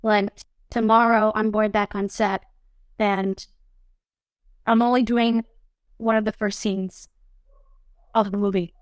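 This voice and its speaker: A young adult actress speaks slowly in a smooth, medium-pitched voice with little pitch movement and frequent pauses, with no echo. Interviewed on a studio podcast set, she stays casual and animated, often adding "you know what I mean."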